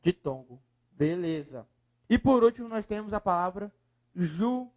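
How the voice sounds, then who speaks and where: Brazilian teacher drilling syllables slowly. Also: male voice, sits high, lively intonation, a little mellow. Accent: Brazilian Portuguese. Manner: coaxing, repeats words slowly and syllable by syllable. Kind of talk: video lesson.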